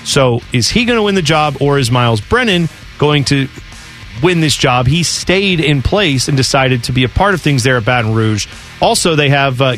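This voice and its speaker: A man with a mid-range, fairly bright voice co-hosts a college football talk show. He reads news items and then riffs on them in a casual, conversational way.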